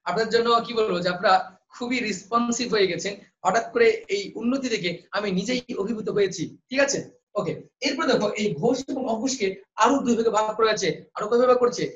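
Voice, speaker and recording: A man's voice: high voice, fast, fairly bright tone, roomy sound, dull audio. A man teaching an online admission-prep class, quizzing students and repeating the answers.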